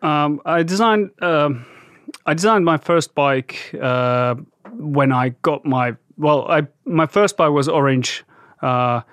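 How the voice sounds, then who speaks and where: A man's voice: on the high side, slow pace, fairly bright tone, clear, resonant tone, dry recording. A man from Eastern Finland, a native Finnish speaker, answering interview questions in English with many hesitations and fillers. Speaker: guest, bike company founder and designer. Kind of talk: casual interview.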